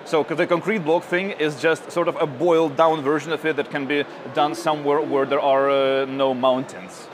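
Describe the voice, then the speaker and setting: A man's voice: a little high, little pitch movement, moderate pace, hardly any pauses. Hesitant man interviewed over street noise. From Ukraine. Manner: hesitant, many fillers and restarts. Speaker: interviewee, tech journalist. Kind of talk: conference interview.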